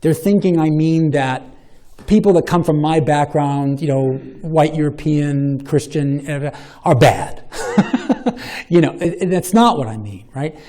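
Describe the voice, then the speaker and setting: A man with a Boston accent giving a live public talk and answering audience questions, animated and long-winded, with a self-deprecating streak. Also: fairly high pitch, measured pace. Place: lecture hall with an audience.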